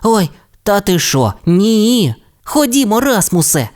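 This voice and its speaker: A bubbly young troodon boy from a storybook tale, as a man puts him on. His voice jumps high and swings widely with eagerness. He blurts out each line in excited exclamations. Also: normal speed.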